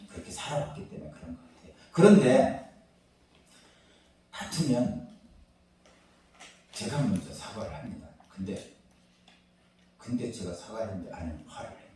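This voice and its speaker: A male pastor preaching a morning sermon, moving between soft conversational asides and loud emphatic peaks, recorded in a church. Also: low-pitched, a little hiss or hum. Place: church sanctuary. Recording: roomy echo, from far off the mic.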